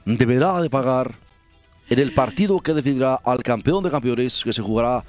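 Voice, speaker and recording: A man's voice: mid-range voice, normal speed, faint music behind. A man hosting a comedy sports show, reading the news in a newsreader cadence.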